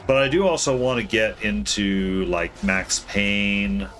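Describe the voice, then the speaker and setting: A man with a somewhat low voice talks his way through a game stream, half-mumbling and restarting his sentences. He sounds casual and unhurried at a desk mic. A faint hiss sits under the voice. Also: a bit bright. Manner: rambling, mumbling, self-correcting. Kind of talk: casual gameplay commentary.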